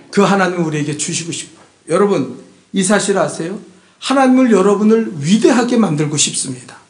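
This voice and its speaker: A man pastor delivering a Sunday sermon, emphatic and prodding his congregation with rhetorical questions, swinging between loud exhortation and hushed asides. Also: high voice. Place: church sanctuary. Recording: echoey church room.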